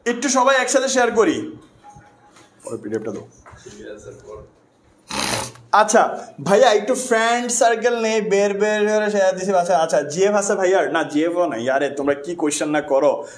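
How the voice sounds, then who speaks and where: A young man with a high, light voice runs a live online class and banters casually with his viewers. He repeats words for emphasis in a loose, friendly way. The room around him sounds echoey. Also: lively intonation, moderate pace, pauses often. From Bangladesh. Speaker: online tutor.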